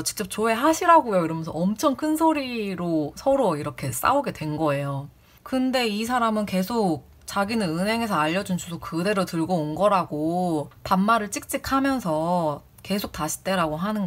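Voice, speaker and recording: A former community office clerk casually recounts a story about a rude visitor, sounding indignant and acting out the people she quotes in raised voices. Her voice has a medium pitch.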